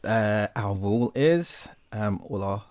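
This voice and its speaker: A man hosts a casual podcast chat with his friends. His voice sits a little low, and he rambles freely, often tripping over his words. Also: expressive, takes it slowly, darkish tone. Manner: chatty, stumbles over words. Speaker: podcast host.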